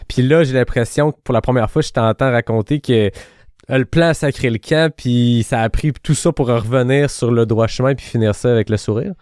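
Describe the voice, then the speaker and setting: A man's voice: mid-range voice, normal speed, a little mellow, clean tone, dry recording, studio quality. A man with a Quebec French accent hosting a casual interview, asking long, thoughtful, winding questions. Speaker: podcast host.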